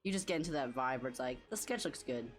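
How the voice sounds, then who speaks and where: A woman's voice: very deep voice, animated, quick pace, soft background music. A young woman streaming as she draws, chatting casually and rambling with lots of fillers. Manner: rambling, filler-heavy talk, reacts to chat. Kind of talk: casual live-stream chat while drawing.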